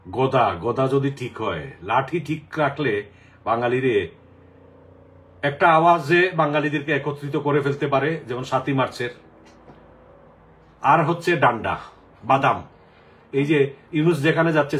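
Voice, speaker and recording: A middle-aged man from the Sylhet region, chatting casually in a rambling way with many fillers. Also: medium pitch. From Sylhet region, Bangladesh. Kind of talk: casual chat.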